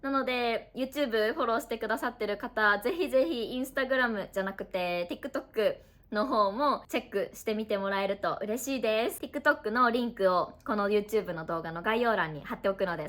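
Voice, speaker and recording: A young woman from Japan talks to her learners in a relaxed, chatty podcast style. Her voice sits a little high, and she explains things slowly and kindly, with plenty of examples. She is recording indoors at her family home. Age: 20s. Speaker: online Japanese teacher. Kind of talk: casual podcast talk to learners.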